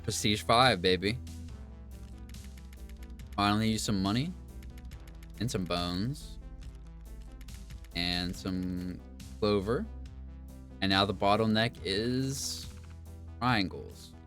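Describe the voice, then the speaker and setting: A man's voice: on the low side, takes it slowly, long pauses, a bit bright, soft background music. A man giving casual gameplay commentary, rambling and musing aloud in an offhand way. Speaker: gaming video creator.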